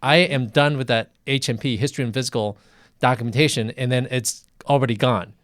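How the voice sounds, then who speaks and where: Hosting a live interview, this middle-aged man has a smooth, resonant voice at an everyday pitch, fairly bright in tone and delivered a little fast with fairly even intonation. He comes across as reflective and chatty, frequently saying things twice. The audio is close-miked, dry and echo-free.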